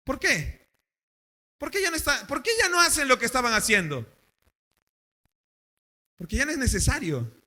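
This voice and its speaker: A man's voice: extremely high pitch, normal speed, pauses often. A male pastor, preaching a sermon at a church service and asking the congregation questions. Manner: animated, asks the congregation questions.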